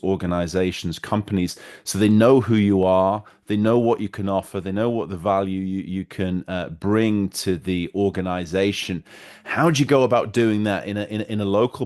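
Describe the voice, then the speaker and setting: A man's voice: sits low, a little mellow. A man hosting an interview podcast, asking long, rambling questions that stall on repeated words. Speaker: podcast host.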